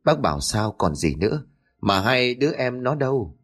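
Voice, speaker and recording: A man's voice: medium pitch, big pitch swings, normal speed. A man reading a storybook, voicing a stern, strict elderly grandfather who barks his questions. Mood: gruff. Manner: gruff, demanding.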